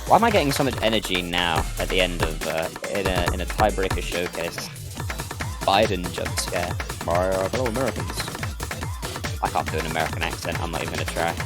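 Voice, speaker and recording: Excitable young esports caster. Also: male voice, low voice. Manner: rambling, self-mocking, bursts into excited shouts. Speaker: solo tournament caster. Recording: streamed commentary over loud game music.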